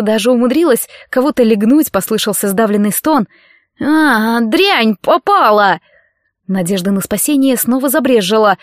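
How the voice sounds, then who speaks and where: A woman narrating a story in a tense, expressive reading. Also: a little high, no room sound, studio quality. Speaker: audiobook narrator. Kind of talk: scripted narration.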